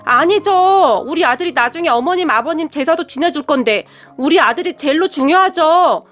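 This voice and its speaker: A woman's voice: lively intonation, normal speed, a bit bright, faint music behind. A woman voicing an indignant, self-serving elder sister-in-law who answers back shrilly. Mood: defiant. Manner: shrill, defiant.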